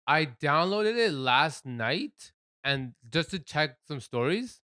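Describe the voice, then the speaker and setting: A man's voice: on the high side, big pitch swings, takes it slowly, sharp tone, no room sound, studio quality. A young man co-hosting a podcast in casual chat, laid-back and joking, swearing freely. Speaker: podcast co-host.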